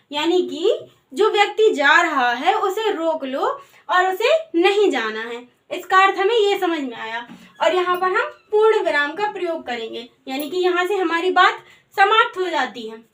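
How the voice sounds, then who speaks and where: A woman's voice: very high-pitched, fairly bright tone. A woman teaching a grammar lesson in a patient way, asking the class questions and answering them herself.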